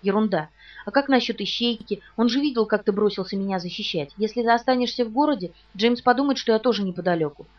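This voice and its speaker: A woman's voice: on the high side, quick pace, natural voice. Woman voicing a terse young man giving orders. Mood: urgent. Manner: clipped, insistent orders. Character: tense young male protector, terse and commanding. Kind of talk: audiobook reading. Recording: dull distant audio with music behind.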